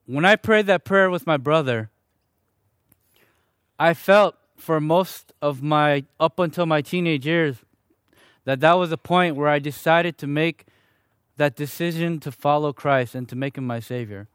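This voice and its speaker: A man's voice: on the high side, measured pace, a bit bright, smooth, no room sound, studio quality. A young man from Chicago giving his personal testimony to a church gathering in an earnest, conversational, self-deprecating way. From Chicago, Illinois, USA.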